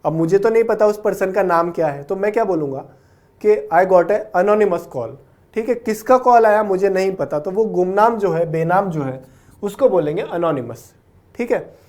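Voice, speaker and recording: A man's voice: high voice, animated, normal speed, a little mellow. Patient man teaching vocabulary. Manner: explains patiently, ends points with a checking "okay?"; mixes English words into Hindi speech. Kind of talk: classroom lecture explaining word roots.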